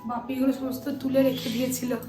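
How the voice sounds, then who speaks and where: A hoarse woman, chatting casually as she narrates her daily vlog. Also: sits high, level tone, fast talker, music in the background. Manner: chatty, storytelling. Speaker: vlogger.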